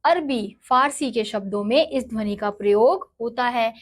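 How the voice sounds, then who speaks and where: Female teacher, unhurried and slightly high, patient explainer who spells letters out one at a time. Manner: patient, asks and answers her own questions. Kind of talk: explanatory grammar lesson.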